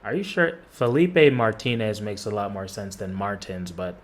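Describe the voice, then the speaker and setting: A man's voice: lowish voice, normal speed, over a noisy crowd. A man doing reaction commentary on a basketball video, with sarcastic, profane trash talk.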